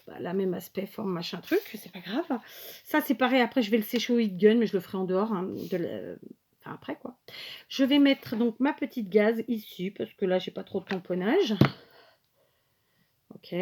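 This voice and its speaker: A woman hosting a relaxed craft tutorial at a middle pitch, talking to her viewers step by step. She is chatty, often restarts her sentences and keeps checking that they are following along.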